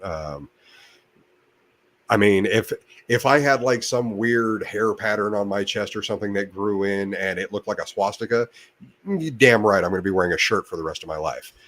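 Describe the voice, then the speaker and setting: A man hosting his own channel chats casually on a livestream, rambling with lots of restarts and fillers. His lowish voice is a bit bright and moderately paced, picked up by a desk mic beside a computer monitor.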